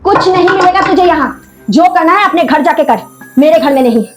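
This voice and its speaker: Lady acting as a bossy saas yelling, super high pitched voice, faint music behind. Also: lively intonation, brisk. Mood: angry scolding. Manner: scolding, shouting. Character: harsh bossy middle-aged mother-in-law. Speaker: mother-in-law. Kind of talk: family skit acting.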